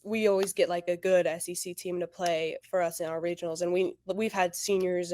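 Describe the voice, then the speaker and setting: A woman in her twenties, a college softball player, talking in a casual interview, animated and full of "like". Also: fairly low pitch, no echo. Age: 20s. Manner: animated, heavy use of "like", quotes teammates.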